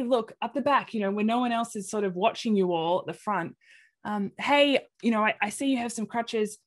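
Aussie woman giving a webinar talk on a webcam, kinda high voice, acts out little quotes. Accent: Australian. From Australia. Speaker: presenter of an inclusion talk. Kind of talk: webinar presentation.

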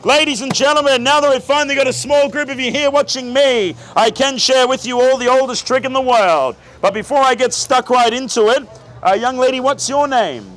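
A man's voice: very high voice, fairly quick, a bit bright, poor audio. An Australian man in his thirties performing as a theatrical street magician, projecting and joking to an outdoor crowd. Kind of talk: live street magic show patter to a crowd. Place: outdoor night street market with onlookers. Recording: outdoor camera, crowd and music behind.

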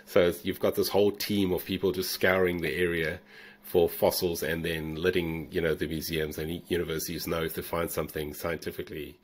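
A middle-aged South African man, a fossil hunter appearing as a guest, tells stories on a video call from a room at home. His accent blends South African with New Zealand, and his low-pitched, brisk voice rambles in a relaxed way with fillers and restarts, in a casual storytelling interview.

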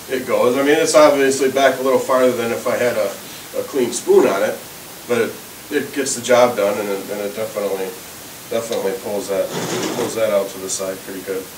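A man's voice: mid-range voice, far from the mic. A man in his thirties walks through how his fishing gear works, explaining step by step and often restarting his sentences. His voice carries a roomy echo, picked up from a camera across the shop with a faint hiss underneath. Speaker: fishing tackle presenter. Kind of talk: casual product demonstration. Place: indoor tackle shop.

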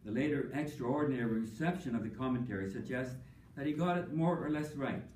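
An older man with a medium-pitched, darkish voice reads prepared remarks at an academic tribute, measured in delivery, with anecdotes, some ums and dry humor. He is heard from a distance in an echoey conference hall with a faint hum of ambience.

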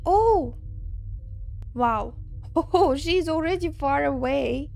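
Russian-accented young woman, high voice, slow talk, gasps and exclaims, film music behind. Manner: excitable, gasping and exclaiming. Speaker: reaction video host. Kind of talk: watching a film and reacting. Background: film soundtrack.

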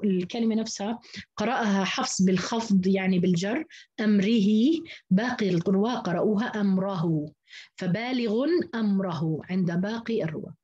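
A woman's voice: medium pitch, a little mellow, slightly rough, highs cut off. Woman recitation teacher, mid-range voice, patient step-by-step lecturing with spoken examples. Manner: explains step by step, repeating words to model pronunciation. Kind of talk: lecture on Quranic reading variants.

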